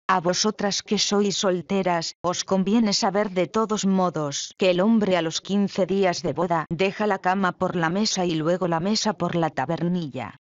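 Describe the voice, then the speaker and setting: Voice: medium pitch, natural voice. A reader doing a blunt, earthy old servant woman. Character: sharp-tongued older woman servant. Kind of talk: dramatic reading of a play. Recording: dull, lo-fi, dry.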